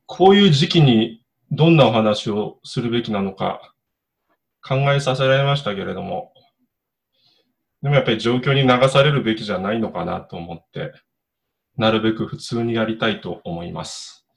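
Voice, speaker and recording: Low-voiced man giving a casual sermon. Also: normal speed, vocal fry. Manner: conversational, many fillers and restarts. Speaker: preacher.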